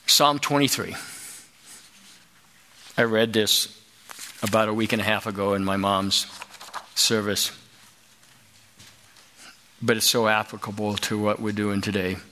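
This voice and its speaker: Slow, bright-voiced male preacher. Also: fairly low pitch, slight background noise. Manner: slow, emphatic, rising to loud exclamations. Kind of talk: sermon.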